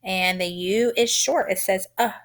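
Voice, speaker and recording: A woman teaching a phonics lesson, sounding out letters and syllables in a deliberate, encouraging way. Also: mid-range voice, fairly bright tone.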